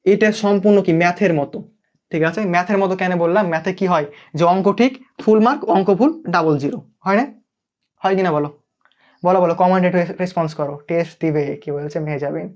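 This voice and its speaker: Man, young, Bangladeshi Bengali accent, live online tutor, quick pace, keeps asking students to comment. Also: sits high, a little mellow, highs cut off. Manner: checks in constantly, asks students to comment. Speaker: English tutor.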